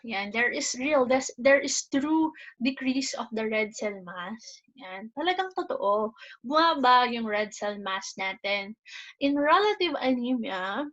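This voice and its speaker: A young woman with a Filipino accent lectures to her class in a fairly high voice. She slips between English and Tagalog in the middle of sentences and adds small checking questions. The sound is slightly dull and lo-fi, like a video call. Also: a bit bright. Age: young adult. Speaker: teacher. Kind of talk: online lecture, explaining slides to a class.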